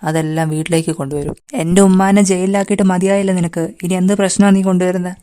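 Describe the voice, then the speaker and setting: ഒരു സ്ത്രീ കാർട്ടൂണിൽ ശാസിക്കുന്ന, അധികാരം കാണിക്കുന്ന ഒരു ഭർത്താവിന് ശബ്ദം നൽകുന്നു; അയാളുടെ സംസാരം നിരാകരിക്കുന്നതാണ്. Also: female voice, lowish voice, steady tone, racing, warm tone, clear, resonant tone, natural voice. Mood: scolding. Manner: scolding, dismissive. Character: bossy, scolding husband.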